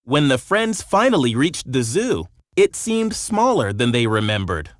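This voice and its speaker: A man reads a scripted children's storybook aloud, expressive yet measured in his storytelling. His voice is mid-range, and the recording is clean studio sound with no room echo.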